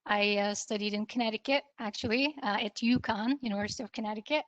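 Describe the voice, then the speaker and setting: A woman's voice: mid-range voice, quick pace, a bit bright, no echo, lo-fi sound. A woman engineer from Turkey, introducing herself casually on a video call with many hesitations. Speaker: engineer panelist.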